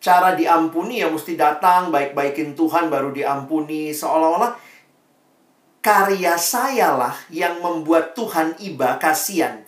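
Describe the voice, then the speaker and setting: A preacher giving a sermon in a lively, conversational storytelling manner. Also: mid-range voice, unhurried. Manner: conversational, animated storytelling, varied pace. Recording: echoey room, voice far from mic.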